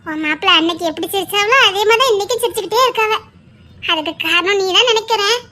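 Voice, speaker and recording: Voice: very high-pitched, fast, sharp tone. A performer playing an emotional young woman with a Tirunelveli Tamil accent, who pleads with her friend and teases her.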